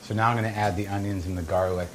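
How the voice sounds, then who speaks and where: A man's voice: lowish voice, steady tone, racing, noisy background. A middle-aged American man hosting a casual comedy cooking show, chatting through steps and anecdotes in a wry, blunt, profane, conversational way.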